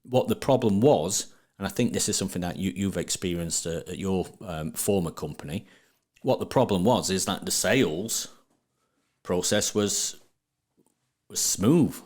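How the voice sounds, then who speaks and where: A man's voice: low-pitched, animated, moderate pace, a little mellow. A man with a Sheffield accent talking casually in an interview, informal and emphatic, with northern English phrasing. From Sheffield, England. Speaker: podcast guest, trade business marketing speaker.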